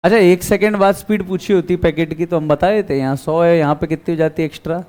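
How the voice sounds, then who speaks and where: High-voiced physics teacher quizzing. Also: male voice, fairly even intonation, quick pace, a little mellow. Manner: quizzing students, answering his own questions. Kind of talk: classroom lecture.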